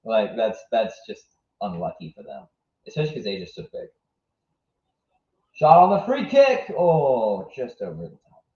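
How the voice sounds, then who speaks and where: A mid-range, sing-song voice at a moderate pace, with frequent pauses, belongs to a young man from southwest Virginia streaming live. He reacts to a match, thinks out loud, and chats loosely with viewers, recorded in a dull space with echo.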